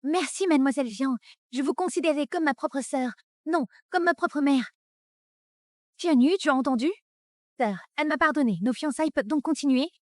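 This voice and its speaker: A woman's voice: sits high, moderate pace, no echo, clean studio sound, close to an everyday voice. A woman voicing a scheming young fiancée who begs and wheedles in a French melodrama dub. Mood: fawning. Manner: desperate, wheedling. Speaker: dubbing actress.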